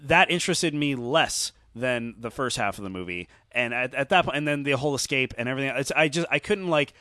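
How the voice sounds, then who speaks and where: A man in casual podcast chat about films, animated and profane, often restarting his sentences. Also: medium pitch, fairly quick, no echo, clean studio sound. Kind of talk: casual chat, film criticism.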